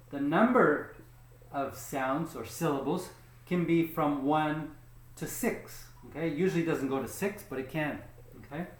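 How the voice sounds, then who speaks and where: Male teacher, slightly high voice, very slow and deliberate, echoey room; keeps asking "okay?" after each point. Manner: checks in with frequent "okay?"; slow and deliberate, stretching example words. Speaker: English pronunciation teacher. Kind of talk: slow, patient spoken lesson.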